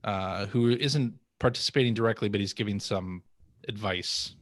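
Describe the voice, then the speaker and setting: Even-voiced man podcast host. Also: lowish voice, normal speed, dry recording, studio quality. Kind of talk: casual chat.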